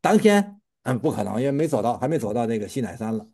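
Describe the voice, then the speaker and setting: A man's voice: medium pitch, racing, creaky, mellow. A man preaching a sermon in a casual storytelling way, often repeating words as he talks, with chuckling asides and questions put to his listeners. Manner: stammering repetitions, chuckling asides, quizzing listeners.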